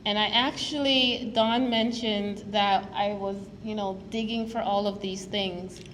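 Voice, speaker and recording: A woman's voice: medium pitch, fairly even intonation, a little slow, a bit bright. A woman from Guyana gives an earnest, storytelling public talk to an audience as a preservation advocate at a museum. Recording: long hall reverb, faint noise.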